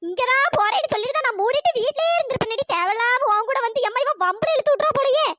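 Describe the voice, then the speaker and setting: A voice actor voicing a timid, gossiping village woman in a cartoon story, fretful and wailing, with a pitch-raised voice. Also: animated, racing, heavy background noise. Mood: alarmed.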